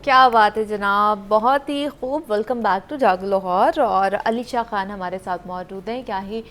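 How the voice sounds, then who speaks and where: A woman hosting a morning TV show, interviewing a guest with praise and quick affirming interjections. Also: mid-range voice, a bit bright, soft background music. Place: television studio.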